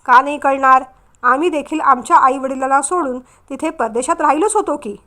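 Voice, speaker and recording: A woman's voice: sits high, moderate pace. A woman voicing a stern, protective elder brother who speaks sharply. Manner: sharp, scolding.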